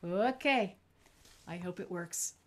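A woman's voice: on the low side, expressive, a little slow, slight background noise. A woman children's entertainer presenting to young children in simple, repetitive phrases, with the showy patter of a kids' party magician.

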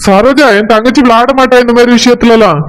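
A performer voicing a gentle, worried village husband in a cartoon, soothing and pleading in a Tirunelveli Tamil accent. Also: mid-range voice, steady tone, quick pace, close to an everyday voice, rough recording.

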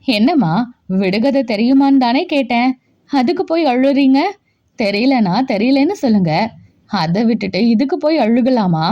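A woman's voice: on the high side, expressive, normal speed, dark tone, dull audio, natural voice. A woman voicing an injured young adult son who talks plainly and teases his mother lightly in a storybook reading. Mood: casual, teasing. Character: young adult man, injured son, moody then teasing.

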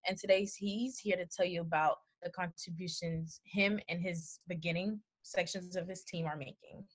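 A woman's voice: on the low side, fairly even intonation, normal speed, dry recording. A young woman leading a student project, introducing her team in a friendly, upbeat way.

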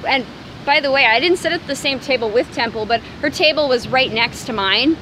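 A woman's voice: sits high, brisk, fairly bright tone, slight background noise, poor audio. A woman in her thirties talks casually into a phone held at arm's length outdoors, rambling with fillers and restarts. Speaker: vlogger. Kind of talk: casual selfie vlog. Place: outdoors by city buildings.

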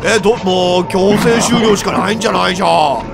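A man's voice: sits high, a little fast, vocal fry, heavy background noise. A man giving live horror reaction commentary, jumpy and frightened, often repeating his words. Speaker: gaming video host. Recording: music under the voice.

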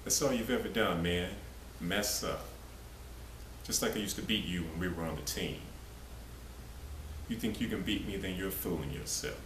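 A man's voice: low-pitched, normal speed, long pauses, a bit bright. A man in his thirties performing a dramatic monologue as a cocky, taunting romantic rival, confrontational and scornful. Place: small bare indoor room. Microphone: camera mic a few feet away. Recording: echoey, noisy room, distant camera mic.

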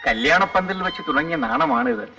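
A bashful young teacher who talks fast and dodges questions in a high voice. He sounds far from the mic, with loud music behind him. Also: big pitch swings, vocal fry, full character voice. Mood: evasive. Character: bashful young male teacher posing as a husband. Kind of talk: 1970s film dialogue.

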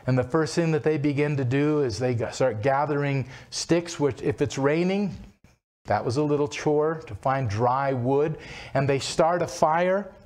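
A man's voice: on the high side, unhurried, a little mellow. A man in his sixties preaching at a church pulpit, retelling a story in a conversational way, with frequent restarts. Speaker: pastor. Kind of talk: sermon. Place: church platform behind a wooden pulpit, indoors. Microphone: pulpit-mounted microphone.

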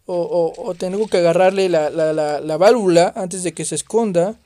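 A man doing excitable let's play commentary on a horror game, exclaiming and swearing at the scares. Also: high-pitched, normal speed, no room sound, clean studio sound. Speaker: gaming youtuber.

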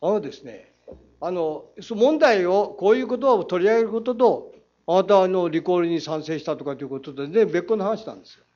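A man with a Saga accent grills the mayor from the council floor, quoting passages and firing rhetorical challenges. His voice sits high for a man. The recording is a muffled, lo-fi council chamber feed. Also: animated, fairly quick, darkish tone. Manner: combative, reads quotes aloud, rhetorical challenges. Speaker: city council member. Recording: dull lo-fi council chamber audio.

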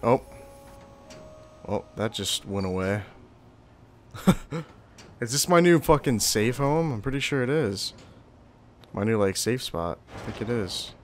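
A man's voice: medium pitch, expressive, slow pace, pauses often, a little hiss or hum. A young man giving casual, crude and slangy gameplay commentary. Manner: crude, sweary, slangy muttering. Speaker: gamer, video player. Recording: game music behind the voice. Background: video game music.

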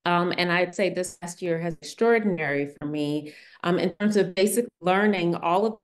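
A woman's voice: fairly low pitch, moderate pace. Woman on a glitchy, breaking-up call. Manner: hesitant, many fillers and restarts. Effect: glitchy, breaking-up video call audio. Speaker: church communications staff panelist. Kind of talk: casual panel talk on a video call. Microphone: computer mic on a video call. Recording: choppy online call audio with dropouts.

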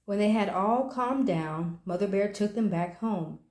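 A woman hosting a storytime channel, reading a children's picture book aloud in a clear storytelling manner. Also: medium pitch, a little slow, dark tone. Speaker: storybook reader, channel host. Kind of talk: children's read-aloud narration. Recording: roomy echo.

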